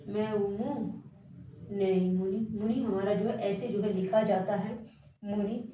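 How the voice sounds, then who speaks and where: A woman teacher with a fairly high voice gives a spelling lesson, repeating each word and asking her class questions. She is recorded from a distance in a strongly echoing room. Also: mellow, slight background noise. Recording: very echoey room, voice from far off.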